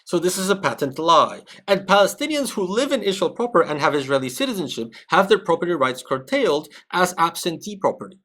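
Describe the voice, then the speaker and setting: Stream commentator, male, fairly high voice, from Peru, analytical and conversational. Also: big pitch swings, a little fast, few pauses, fairly bright tone. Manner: analytical, conversational, often tags "right?". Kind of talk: live-stream commentary reacting to a video with chat.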